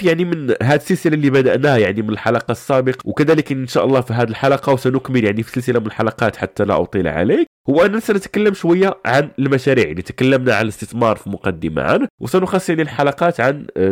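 Fast-talking man giving advice. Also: mid-range voice, no room sound, studio quality. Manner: fast and earnest, with frequent filler words. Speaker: personal finance show host. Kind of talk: motivational talk straight to the listener.

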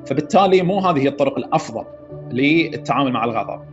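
A man, a psychiatrist guest who explains patiently with everyday examples and frequent pauses to find the word. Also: medium pitch, animated, muffled recording, faint music behind. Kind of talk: casual expert explanation.

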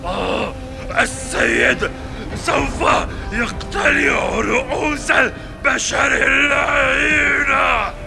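A huge, dim-witted demon for a children's audio story, with a very gravelly roar. He is wrathful and drags out his bellowed words slowly, over music. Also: high voice, lively intonation, heavily acted. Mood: seething rage. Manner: speaks of himself as the master in slow, bellowing groans.

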